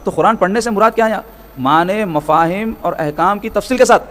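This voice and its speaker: A man's voice: high voice, a bit bright, a little hiss or hum. A man delivers a religious lesson in sermon style. He explains each point patiently, repeats key phrases and keeps asking his listeners questions. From Hyderabad, South India. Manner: explanatory, repetitive, asks rhetorical questions. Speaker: religious scholar teaching hadith.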